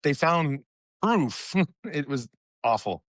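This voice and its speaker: A man's voice: a little high, very animated, slow, fairly bright tone, no room sound, clean studio sound. A man co-hosting a podcast in casual chat, laid-back and laughing often. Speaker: podcast co-host.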